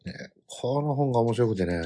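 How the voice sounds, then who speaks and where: Chatting casually, a middle-aged man with a Kansai accent recounts a family trip, animated and prone to loud outbursts. He speaks at medium pitch and a moderate pace.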